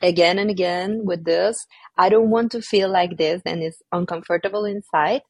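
Husky, gravelly woman explaining earnestly. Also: fairly low pitch, moderate pace, no echo. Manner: earnest, explanatory, non-native phrasing. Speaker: guest. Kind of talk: conversational interview.

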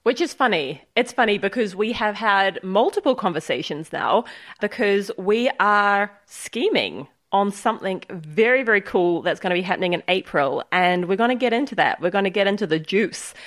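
A woman's voice: mid-range voice, lively intonation, moderate pace, fairly bright tone, dry recording, studio quality. A woman hosting a podcast interview, chatting in a bubbly, playful way. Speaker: podcast host. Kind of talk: casual interview chat.

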